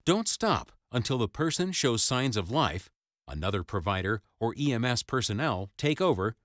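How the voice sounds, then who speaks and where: Guy doing training video voiceover, bright punchy voice, lively, scripted step by step instructions, super dry close mic. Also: medium pitch, normal speed, dry recording. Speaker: narrator of a first-aid training video. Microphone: close, dry voice-over.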